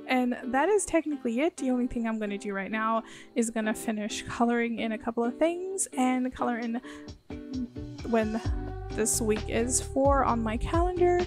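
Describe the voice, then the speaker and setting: A chatty woman with a fairly high voice, a little groggy, talking in a loose, rambling way and giggling between thoughts. She narrates her drawing casually over soft background music. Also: expressive, moderate pace. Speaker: bullet journal creator. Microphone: phone.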